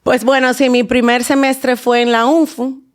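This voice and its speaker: Smooth-voiced Dominican woman telling her story. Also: high voice, little pitch movement, normal speed. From Dominican Republic. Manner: warm storytelling with many fillers and restarts. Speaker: guest, endodontist and dental teacher. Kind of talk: podcast interview.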